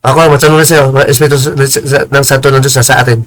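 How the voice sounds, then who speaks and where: A man's voice: medium pitch, little pitch movement, fairly bright tone, poor audio. Combative, stammering man ranting on a live stream. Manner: combative, insulting, repeats words and stammers; mixes in slow, preachy English phrases. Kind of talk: heated live-stream rant.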